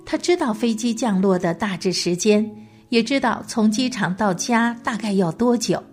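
A woman hosting a radio program, telling a biography as scripted narration in a gentle, measured way. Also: mid-range voice, animated, faint music behind.

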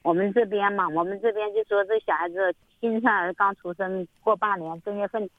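A woman's voice: medium pitch, fairly even intonation, a little fast, dry recording. Middle-aged woman caller, rambling and repetitive, tinny phone line. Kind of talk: phone-in call.

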